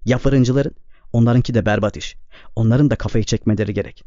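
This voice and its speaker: A man voicing a weary, hard-drinking male laundry worker who talks loud and defiant, read in a slightly dull, dry recording. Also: medium pitch, brisk, dry recording, close to an everyday voice. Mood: rambling. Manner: pleading, then loud and defiant.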